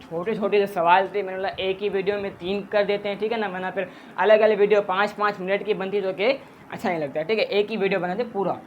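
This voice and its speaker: A man's voice: high-pitched, fairly even intonation, fast, dull audio, slight background noise. A man teaching a math lesson, patiently explaining steps, counting aloud and mixing in English terms. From Pakistan.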